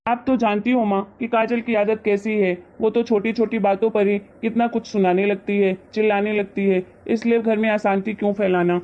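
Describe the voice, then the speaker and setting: A woman voicing a dutiful grown son in a family skit, speaking calmly and soothingly. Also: mid-range voice, moderate pace, few pauses, narrow, tinny audio, natural voice. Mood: gentle. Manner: soothing, conciliatory.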